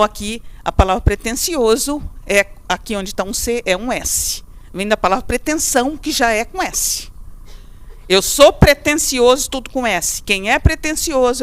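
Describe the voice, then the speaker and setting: A middle-aged woman with a Brazilian accent giving a lively lecture, chatty and quizzing her class as she goes. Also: a little high. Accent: Brazilian Portuguese. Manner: chatty, asks the class questions, acts out students. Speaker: teacher.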